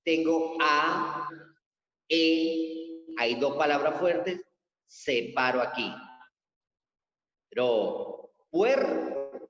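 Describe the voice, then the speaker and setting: Slow, deliberate male teacher in echoey room. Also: fairly high pitch, a bit bright. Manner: slow, deliberate explaining, addressing students. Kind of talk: recorded classroom lesson. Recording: echoey lo-fi room sound with long reverb.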